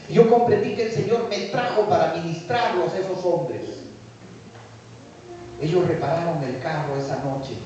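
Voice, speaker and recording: A man's voice: a little high, background noise. A Peruvian man, a pastor, telling a story in a sermon and acting out every voice in it. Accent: Peruvian Spanish. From Peru. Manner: animated storytelling, acts out dialogue. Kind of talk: sermon testimony. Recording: echoey hall, distant mic, dull sound.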